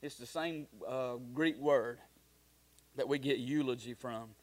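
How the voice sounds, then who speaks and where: A man's voice: mid-range voice, a little slow. A middle-aged man preaching a sermon in a folksy storytelling way, full of fillers and restarts. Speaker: pastor.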